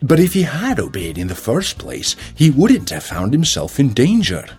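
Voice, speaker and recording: A man voicing a gentle, wise older grandfather in a storybook reading. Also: mid-range voice, wildly swooping pitch, moderate pace, breathy edge, faint music behind, voice pushed up, exaggerated voice.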